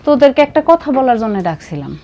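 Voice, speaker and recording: A woman's voice: on the high side, big pitch swings, fast talker, dark tone, slight background noise. An actress playing a caring eldest daughter in her young adult years, earnest and concerned about her father. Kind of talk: TV drama acting.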